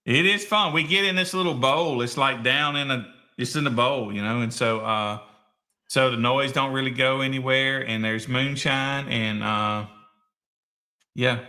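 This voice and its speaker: A man hosts a casual live-stream chat. His voice is very bright and his manner is folksy and easygoing. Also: mid-range voice, a little slow. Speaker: show host.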